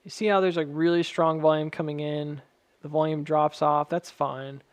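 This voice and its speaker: A man with a whistle on his s sounds gives casual, technical chart commentary, thinking aloud in a measured, cautious way. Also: on the high side, flat delivery. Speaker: stock chart analyst addressing viewers.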